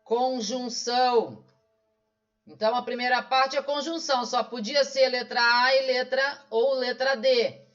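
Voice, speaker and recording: Very high-voiced Brazilian man teaching. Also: steady tone, unhurried, fairly bright tone. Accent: Brazilian Portuguese. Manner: didactic, asks and answers his own questions. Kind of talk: online exam-solving lesson. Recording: dull lo-fi sound.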